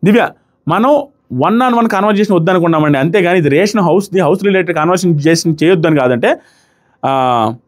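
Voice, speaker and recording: Fast, high-voiced man giving an emphatic review. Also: expressive. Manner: emphatic, argumentative, re-enacts quotes loudly. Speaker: show reviewer. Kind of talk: casual reality-show review.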